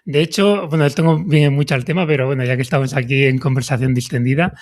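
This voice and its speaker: Relaxed man hosting a podcast. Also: mid-range voice, quick pace. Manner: relaxed, laughs easily, hesitant restarts. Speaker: podcast host. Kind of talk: casual podcast interview.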